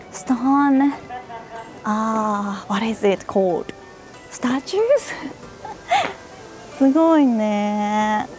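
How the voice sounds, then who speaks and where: A woman's voice: a little high, darkish tone. A woman making a casual walking vlog outdoors at a temple, out of breath from climbing steps, exclaiming often and laughing as she searches for words. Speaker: travel vlogger.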